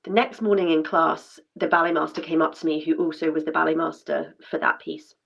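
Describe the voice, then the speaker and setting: A woman's voice: low voice, flat delivery, brisk, gravelly, fairly bright tone. Woman telling a personal story. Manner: chatty, with many fillers and restarts. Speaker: former dancer sharing her story at an event. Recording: dull lo-fi sound.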